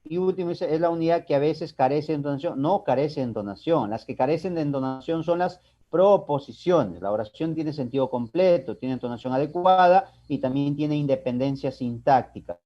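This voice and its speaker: A man's voice: fairly high pitch, fairly quick. A man teaching a language class, explaining step by step and asking and answering his own questions. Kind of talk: recorded online class lecture. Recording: dull lo-fi recording.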